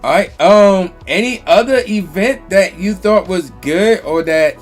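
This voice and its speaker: A man's voice: high-pitched, unhurried, soft background music. A man hosting a casual livestream chat, reading viewer comments aloud and losing his voice a bit. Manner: reads viewer comments aloud, loose and chatty. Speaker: livestream host.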